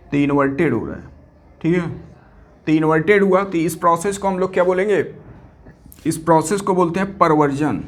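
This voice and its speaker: This exam-prep physics lecture comes from a man whose voice sits a little high. He quizzes his students and supplies the answers himself, hammering on key terms while sprinkling English into his Hindi.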